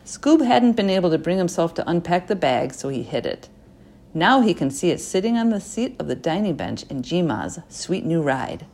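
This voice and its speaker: A woman reads a chapter book aloud in an expressive storytelling voice. Her tone sits a little low, and she drops softly into her asides. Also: moderate pace. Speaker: narrator. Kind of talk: audiobook reading.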